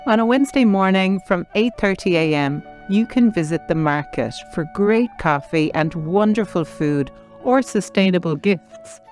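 A woman's voice: mid-range voice, lively intonation, normal speed, hardly any pauses, darkish tone. A woman with an Irish accent presenting a travel programme in scripted narration. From southern Ireland. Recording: light music behind the narration.

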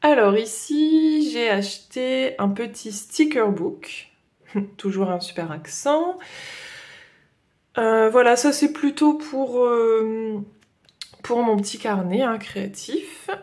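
A woman's voice: a little high, slow pace, a little mellow. A young adult woman with a Northern French Ch'ti accent chatting casually through a haul, hesitant and full of fillers and "voilà". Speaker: coloring vlogger.

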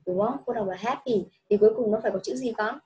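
Woman, kids' English teacher, coaxing and patient, slightly high voice. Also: quick pace, a little mellow, poor audio. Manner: patient, coaxing, repeats answers back. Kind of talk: one-on-one children's English lesson.

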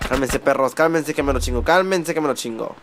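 A man with a Mexican accent doing excited, swearing gameplay commentary as a gaming host. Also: medium pitch, brisk, a little hiss or hum. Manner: excitable, swearing, mock-shouting at the game.

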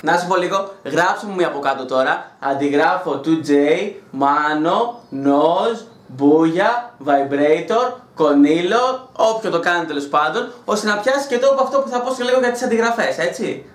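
Sarcastic man ranting with lively high voice. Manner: sarcastic, crude, mocking. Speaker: YouTuber. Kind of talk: casual vlog rant. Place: at home. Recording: roomy echo.

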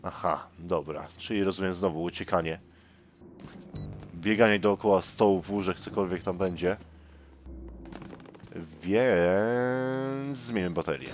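A man with a fairly low voice talks his way through a horror game, tense and jumpy, muttering under his breath. His commentary rides over clearly audible background noise. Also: steady tone, moderate pace. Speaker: let's play gamer. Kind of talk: let's play commentary.

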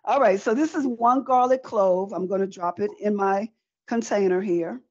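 A middle-aged woman runs a live online cooking demo at a table in an indoor room with a folding screen. Her medium-pitched voice keeps a moderate pace, chatty and conversational, and she repeats phrases for emphasis while teaching. The dry recording has dull, lo-fi video-call quality.

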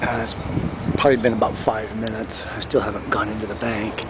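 A man's voice: fairly low pitch, flat delivery, a little fast. A man filming the sky outdoors, giving a casual, amused running commentary into his handheld camera's microphone. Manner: amused, chatty, pointing things out. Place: outdoors, by the road and in a car. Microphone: handheld camera mic. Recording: noisy outdoor camera audio. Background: traffic and outdoor noise.

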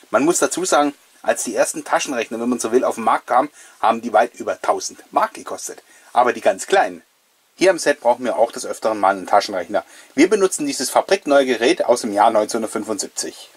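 A man with a mid-range, slightly breathy voice hosts a casual video show. He offers chatty, playful, nostalgic and jokey commentary on an old mail-order catalogue.

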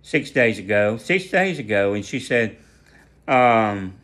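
A man's voice: on the low side, animated, takes it slowly, fairly bright tone. A man sharing a personal faith testimony in a casual storytelling way, earnest and prone to repeating and restarting his phrases.

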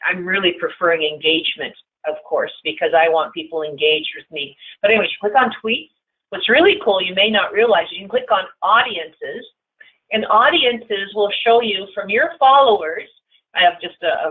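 A woman who works as a digital marketing consultant, giving a chatty, upbeat tutorial as she walks through software features on screen. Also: medium pitch. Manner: chatty and upbeat, often calling features cool. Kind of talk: screen-share tutorial walkthrough. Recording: narrow phone-like audio.

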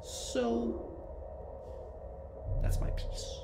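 A man playing a shifty, self-excusing criminal in a deadpan, halting, insistent monologue to camera. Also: heavy background noise. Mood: insistent, self-justifying. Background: clear music.

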